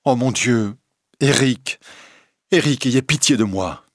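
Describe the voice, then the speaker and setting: A man's voice: fairly low pitch, animated, moderate pace, no room sound, studio quality. A man voicing a frightened, earnest young woman singer in a read-aloud storybook, with a raised, breathless pleading tone. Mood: alarmed. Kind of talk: audiobook reading.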